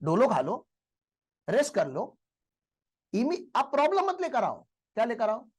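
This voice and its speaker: Animated male lecturer telling stories. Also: very high voice, a little slow, husky. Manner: storytelling with rhetorical questions. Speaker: teacher. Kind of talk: motivational lecture.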